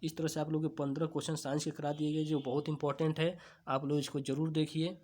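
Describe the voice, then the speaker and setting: A man teaching exam questions, asking each answer back as a question and then repeating it, stretching key terms slowly. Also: fairly high pitch, flat delivery, darkish tone. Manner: slow, drawn-out stresses on key terms. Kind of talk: quiz-answer lesson.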